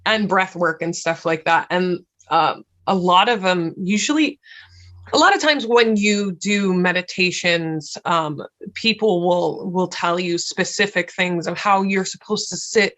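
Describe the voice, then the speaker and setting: A woman hosting a podcast and introducing meditation, reassuring and quick to laugh. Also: medium pitch. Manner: warm, reassuring, laughs often. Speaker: podcast host, meditation guide. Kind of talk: casual podcast chat.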